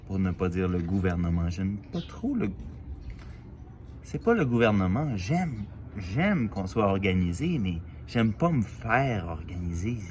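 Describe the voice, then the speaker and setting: A man from Quebec with a Quebec French accent, musing aloud in a casual vlog, halting and full of fillers, outdoors in a city alley. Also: fairly low pitch, a little mellow, slight background noise. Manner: thoughtful, halting, with many fillers and restarts. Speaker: vlogger. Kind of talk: casual reflective monologue.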